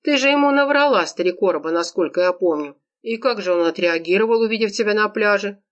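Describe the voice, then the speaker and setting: A woman's voice: medium pitch, lively intonation, fast talker, muffled recording, lightly acted. A woman reading an audiobook, voicing a bossy, sarcastic young woman who scolds her friend. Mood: scolding sarcastic. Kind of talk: audiobook character voice.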